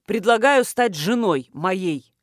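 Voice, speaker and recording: A woman's voice: medium pitch, sing-song, normal speed, no room sound, clean studio sound, close to an everyday voice. A woman voicing a pompous, stout male colonel who fumbles words and barks orders. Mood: bumbling proposal. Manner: bossy, fumbling, shouting orders.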